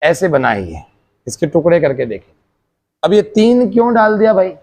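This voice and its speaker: A man leads a meditation class, walking through every step slowly and repeatedly asking if his students follow. His voice is high-pitched and sing-song, with a slightly mellow quality.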